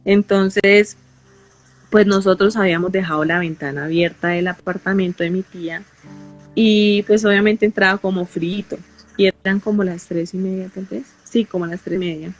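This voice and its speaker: Colombian woman telling her testimony in an interview, halting, repeats herself, soft guitar faint behind. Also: mid-range voice, fairly even intonation. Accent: Colombian Spanish. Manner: halting, circles back and repeats phrases. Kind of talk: emotional personal testimony.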